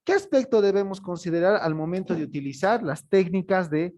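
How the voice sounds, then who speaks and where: A man's voice: high voice, animated, fairly quick, darkish tone, muffled recording. A male teacher giving a class on customer service, explaining step by step and ending his phrases with tag questions. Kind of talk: online class lecture.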